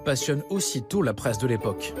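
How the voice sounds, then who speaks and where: A man's voice: medium pitch, very animated, fairly quick. A man reading scripted documentary narration. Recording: music bed behind voice.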